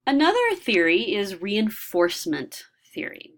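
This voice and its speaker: A woman's voice: medium pitch, wildly swooping pitch, a little slow. Woman lecturing with many ums. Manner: explanatory, with frequent ums and restarts. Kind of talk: recorded lecture.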